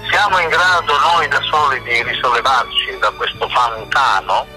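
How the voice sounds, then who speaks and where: A sculptor talking by phone over speakerphone into a live broadcast, reflective and hesitant, filling pauses with fillers. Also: male voice, medium pitch, bright, forceful tone, faint music behind. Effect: phone call heard over speakerphone.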